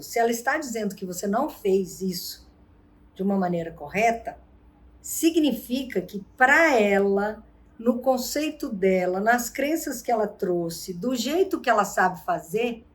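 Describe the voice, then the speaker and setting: A woman hosting a vlog and giving advice on arguments, telling stories with lively acted-out quotes. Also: medium pitch. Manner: animated storyteller, acts out quotes. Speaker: vlog host and relationship advisor. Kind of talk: casual advice talk.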